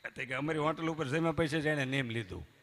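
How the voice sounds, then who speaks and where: A bright, forceful man performs live stage comedy. His voice sits a little high, and he tells one joke after another, jumping from loud punchlines to quiet asides. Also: fast talker. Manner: animated, jokey, swings from loud to hushed. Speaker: folk comedian and storyteller. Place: live stage before a temple audience.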